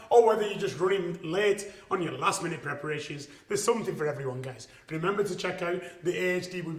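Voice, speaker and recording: A man's voice: fairly high pitch, recorded from a distance. A man co-presenting a cooking show, enthusiastic and speaking straight to viewers as "guys". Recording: echoey kitchen, off-mic.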